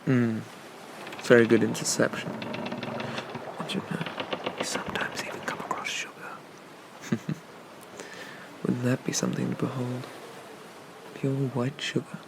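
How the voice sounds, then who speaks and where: Man playing a slow, gravelly flirty pirate captain, whispered role-play. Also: medium pitch, flat delivery, noisy background. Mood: amused, musing. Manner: leisurely, teasing, roguish, murmured asides. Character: flirty, teasing gentlemanly male pirate captain. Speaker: ASMR role-play performer.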